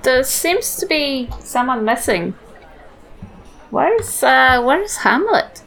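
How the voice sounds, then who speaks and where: A woman's voice: high voice, big pitch swings, slow pace, vocal fry, a bit bright. A woman player chatting casually in a tabletop role-playing game, speaking in character as a very old woman. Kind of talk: casual improvised game chat.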